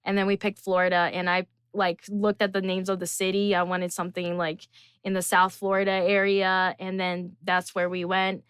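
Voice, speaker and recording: A woman's voice: on the low side, completely flat delivery, normal speed, a bit bright, clean tone, dry recording, clean studio sound. A young woman from Brazil, a singer chatting as an interview guest in a bubbly, rambling way with many fillers. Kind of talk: casual interview chat.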